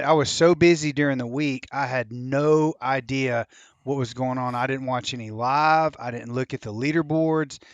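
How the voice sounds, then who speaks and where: Animated male guest telling stories. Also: medium pitch, dry recording, muffled recording. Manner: animated storyteller, laughs often. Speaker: videographer guest. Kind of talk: casual podcast storytelling.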